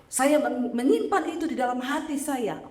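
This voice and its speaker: A woman preaching a sermon with personal testimony, animated and joking with the congregation. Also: high voice, moderate pace. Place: church hall in Sydney. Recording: echoey hall.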